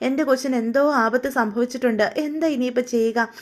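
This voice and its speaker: A distraught middle-aged mother, tearful and pleading, her voice climbing high as she cries out, put on by a woman telling the story. She sounds close to breaking. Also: fast, natural voice. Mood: wailing, distraught. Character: grief-stricken middle-aged mother, wailing.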